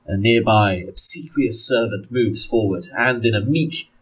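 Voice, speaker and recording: A man runs a tabletop roleplaying game as its narrator. His voice is fairly low and husky, and he moves slowly, leaving pauses between descriptive phrases. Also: poor audio. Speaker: game master.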